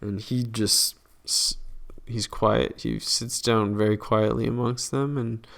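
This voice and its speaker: A man's voice: fairly low pitch, flat delivery, slow pace, creaky, fairly bright tone. A young man casually retelling a film's plot as a podcast host, rambling and acting out quoted lines in slang.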